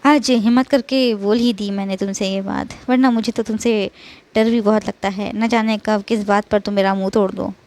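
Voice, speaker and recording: A woman's voice: mid-range voice, fairly even intonation, moderate pace, a little mellow, close to an everyday voice. A woman reading the part of a smitten young husband who coaxes and pleads with his wife in an audiobook romance. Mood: sheepish. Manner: coaxing, pleading. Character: smitten young husband, shy but persistent.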